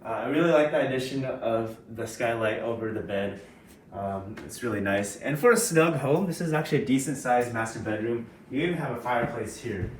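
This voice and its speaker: A man giving a casual, low-key walk-through house tour as a real estate agent, tentative and mildly approving. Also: brisk. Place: inside a mostly empty house, walking through. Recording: echoey empty rooms, distant mic, background noise.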